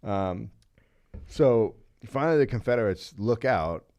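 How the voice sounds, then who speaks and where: A man with a low voice tells a history story for a comedy podcast in a casual, halting way. His pitch moves around a lot and he often stops to restart a sentence. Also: lively intonation, darkish tone, no room sound, dull audio. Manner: halting, full of restarts and ums.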